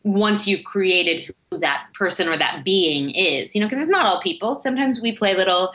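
A woman's voice: mid-range voice, expressive, normal speed, fairly bright tone. A woman, a guest voice actor, talking earnestly and at length in a podcast interview. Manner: earnest, explains at length with many fillers.

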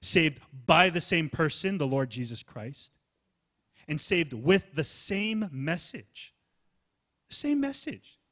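Animated preacher man. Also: takes it slowly. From United States. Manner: animated preaching, swings from loud emphasis to soft low asides. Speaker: pastor. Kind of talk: sermon. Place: church hall.

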